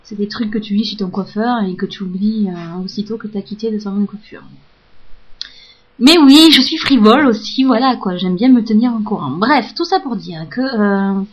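A woman's voice: mid-range voice, moderate pace, husky. A woman telling a casual story in a frank, profane, self-mocking monologue. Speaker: audio blogger. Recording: dull lo-fi audio.

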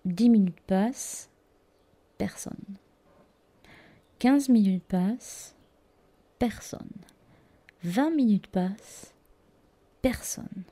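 A woman's voice: mid-range voice, very slow, long pauses, mellow. A woman recounting a comic personal story in a loose, chatty way. She leans on fillers and repeated catchwords as she builds the tale.

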